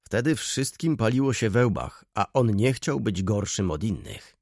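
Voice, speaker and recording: A man voicing a gray-haired elderly councillor who mutters slowly and dismissively, with a husky voice. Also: on the low side, animated, darkish tone, no echo, clean studio sound. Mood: reminiscing. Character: gray-haired elderly male councillor, grumbling beer drinker.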